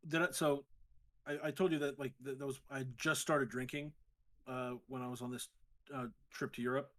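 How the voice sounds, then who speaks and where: Casting: man, thirties, standard American accent, mid-pitched, casual podcast banter with halting, self-interrupting delivery. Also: little pitch movement, a bit bright. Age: 30s. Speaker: podcast co-host. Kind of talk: casual chat.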